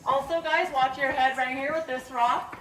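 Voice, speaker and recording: A woman's voice: sits high, steady tone, normal speed, a bit bright. A woman leading a cave tour in a casual, chatty way, her voice echoing off the cave walls. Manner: casual, chatty, gives safety reminders. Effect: cave echo. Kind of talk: guided tour talk. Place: inside a large cave. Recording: echoey cave voice from a distance, faint noise.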